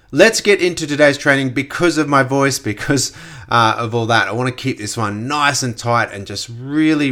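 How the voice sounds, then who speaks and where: A man's voice: lowish voice, fairly bright tone. A man hosting a motivational business podcast, sounding congested and talking in an upbeat, emphatic way with loose restarts. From Australia. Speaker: podcast host.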